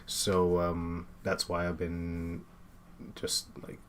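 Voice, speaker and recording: Hesitant low-voiced man in his twenties. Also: completely flat delivery, very slow, a little hiss or hum. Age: 20s. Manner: hesitant, many fillers and restarts. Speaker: art streamer. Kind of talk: casual chat while drawing.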